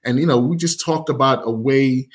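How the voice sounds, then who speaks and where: A man from Nigeria, an app founder, talking casually in an interview with lots of fillers and restarts. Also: mid-range voice. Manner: many fillers, halting restarts.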